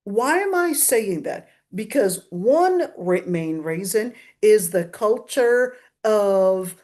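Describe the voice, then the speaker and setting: A woman's voice: medium pitch, expressive, slow pace, darkish tone. A woman lecturing as a religious teacher, didactic and emphatic, repeating key phrases to drive them home. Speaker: religious teacher giving a Quran exegesis class.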